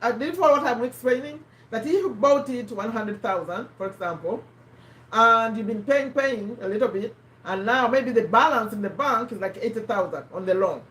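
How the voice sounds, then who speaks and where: A woman's voice: a little high, expressive, normal speed, fairly bright tone, recorded from a distance. A woman from Uganda, hosting a live book discussion in casual, conversational talk, often restarting and quizzing her listeners. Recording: echoey room.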